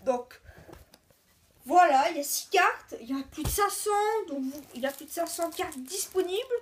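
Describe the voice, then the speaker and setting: A woman hosting her own video, chatting casually and haltingly as she opens card packs and lists each one. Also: extremely high pitch, lively intonation, slight background noise. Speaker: video host. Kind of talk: casual card-unboxing commentary.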